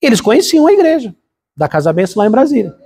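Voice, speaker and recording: Middle-aged male Brazilian pastor, high husky voice, chatty sermon delivery. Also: very animated, fast, mellow. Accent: Brazilian Portuguese. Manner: conversational, addresses congregation as brothers. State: congested from a cold. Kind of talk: sermon with personal story.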